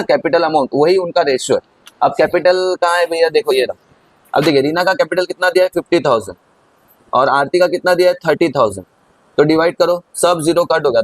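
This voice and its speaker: A man's voice: on the high side, brisk, no room sound, low-quality recording. A man teaching an accounting lesson in a chatty way, talking straight to his students as he works through a problem. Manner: chatty, addresses students as kids. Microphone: recorded over on-screen writing.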